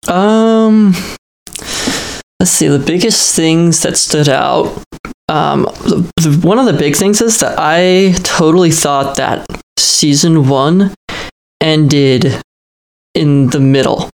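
Guy podcast cohost, gravelly fry, bit slurred after wisdom teeth, higher-ish voice, joking around. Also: slow, poor audio. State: mouth sore after wisdom teeth removal, slightly slurred and subdued. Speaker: podcast co-host. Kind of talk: casual chat.

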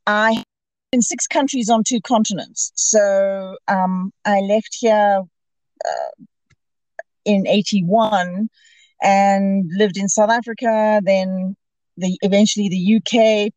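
Joining a podcast remotely, a woman from Zimbabwe chats in a casual interview, hesitating often and filling her speech with restarts and fillers. She talks slowly in a mid-range, slightly mellow voice, and the recording is dry.

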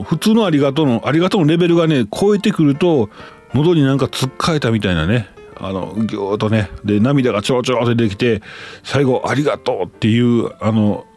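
Chatty Kansai man, lively pitch. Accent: Kansai Japanese. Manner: chatty, animated, reads letters aloud with asides. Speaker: podcast host reading listener letters. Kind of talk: casual chat.

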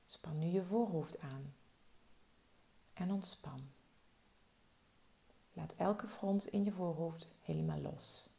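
A woman guides a slow meditation for relaxing the body, speaking softly and soothingly. Her low, mellow voice carries a heavy gravelly fry, and she gives each instruction time to settle before the next.

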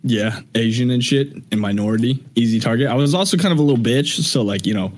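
Talking quickly in a mid-range voice, a young man from Washington State in the United States, who streams and raps, chats casually as a video-call guest, with plenty of swearing and frequent laughter.

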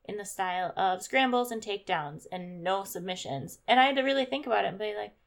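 A young woman co-hosting a casual podcast, telling stories in an animated way and quoting people, her voice a little sore from yelling. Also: medium pitch, fairly quick, gravelly. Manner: animated storytelling, quotes herself and others. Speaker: podcast co-host. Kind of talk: casual chat.

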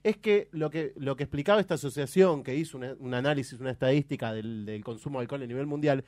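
A man's voice: medium pitch, fast talker, darkish tone, no echo. A young man with an Argentine Spanish accent presenting a segment on a radio show, chatty and teasing in casual banter. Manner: chatty, teasing, often interrupted.

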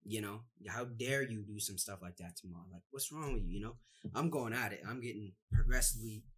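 A man's voice: lowish voice, brisk, slightly rough. A man in casual chat telling a heated story in a blunt way.

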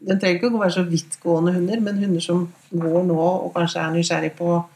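A woman with a Norwegian accent hosting a podcast, talking calmly in a casual chat. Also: on the low side. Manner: calm, with short listening sounds. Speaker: host.

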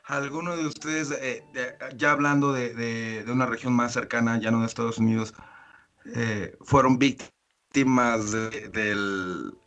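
Host, man, bright forceful voice, halting questions, casual chat. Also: medium pitch, fairly even intonation. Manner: halting, restarts questions, joking.

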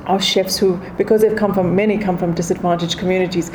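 A woman's voice: fairly low pitch, fairly even intonation, fast, darkish tone, a little hiss or hum. A woman from South Africa's east coast with a Durban Indian accent, explaining things thoughtfully as a guest in a conversational interview. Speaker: podcast guest, food and wine expert.

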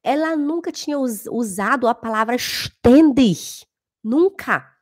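A woman who teaches German speaks casually to her viewers in a high voice. She is emphatic and drives points home by repeating phrases. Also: lively intonation, slow. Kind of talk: casual talk to camera.

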